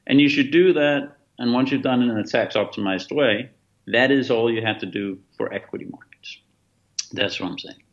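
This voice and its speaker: A man's voice: medium pitch, normal speed. A man in his fifties from Denmark, a native Danish speaker, explaining things earnestly and emphatically in a remote interview with many fillers. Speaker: guest, author and former fund manager. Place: bright room at home. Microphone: laptop webcam video call. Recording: dull video-call audio.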